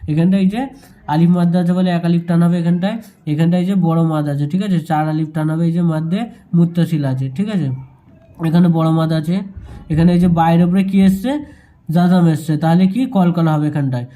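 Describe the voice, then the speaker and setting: A man with a very dark, mellow voice teaches a Quran reading lesson, speaking a little higher than most men. He sounds out each syllable slowly and patiently, then explains the rules in a calm teacher's manner. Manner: slow syllable-by-syllable spelling and recitation. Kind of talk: Noorani qaida lesson.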